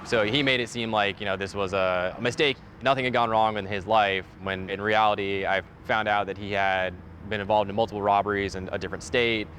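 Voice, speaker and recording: A man's voice: lowish voice, steady tone, a little fast, hardly any pauses, a bit bright, slight background noise. A male police deputy recounting an incident in a matter-of-fact interview style.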